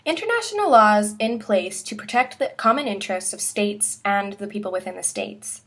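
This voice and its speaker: A woman's voice: medium pitch, animated, normal speed, fairly bright tone. A woman hosting a talk segment, delivering a scripted opinion monologue with emphatic, formally argued phrasing.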